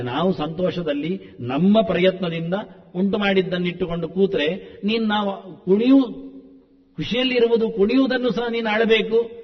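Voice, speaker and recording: A man giving a spoken discourse, chanting verses and explaining them with animated rhetorical questions. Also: sits high, long reverb tail, muffled recording. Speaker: scholar giving a discourse on the Mahabharata.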